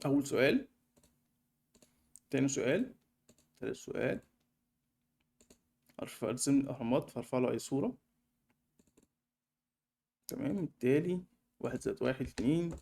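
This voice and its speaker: A young man with an Egyptian Arabic accent walking through a screen-recorded software tutorial in a fast, chatty way, with many fillers. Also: medium pitch, lively intonation, creaky. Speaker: online course tutor.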